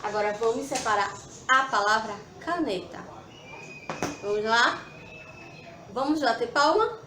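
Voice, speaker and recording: A woman teaches young children in a slow, patient way, sounding out each word one part at a time. Her voice sits a little high. The room is echoey, with a faint hum of ambience behind her. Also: animated. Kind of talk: children's lesson.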